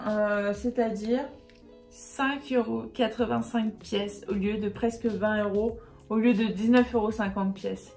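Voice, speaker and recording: A woman beauty vlogger chatting casually and upbeat through a makeup haul, with many fillers. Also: a little high.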